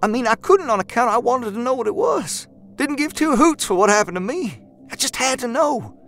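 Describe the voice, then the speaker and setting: A man voicing a young, rough-spoken country man with a folksy slang drawl, eager and haunted, in an audiobook. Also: very high-pitched, animated, brisk, a bit bright, faint music behind, pitched above the performer's own voice, full character voice. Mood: excited. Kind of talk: audiobook character voice.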